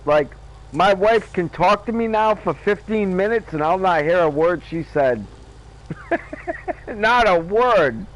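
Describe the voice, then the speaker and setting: A man's voice: high voice, lively intonation, takes it slowly, rough recording. A man in his fifties casually chatting with viewers while playing a game, rambling, joking and laughing at himself. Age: 50s. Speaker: gaming streamer.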